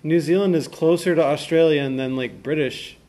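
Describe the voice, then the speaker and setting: A podcast host in the middle of a relaxed, casual chat. The talk is loose and easygoing, with plenty of laughing banter. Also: medium pitch, moderate pace.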